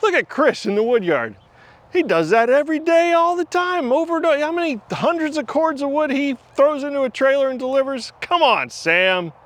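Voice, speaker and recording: A man's voice: very high voice, lively intonation, moderate pace, a bit bright. A man in his fifties hosting a casual vlog, rambling and talking to himself while he works outdoors. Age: 50s. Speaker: channel host. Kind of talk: casual vlog talk to camera.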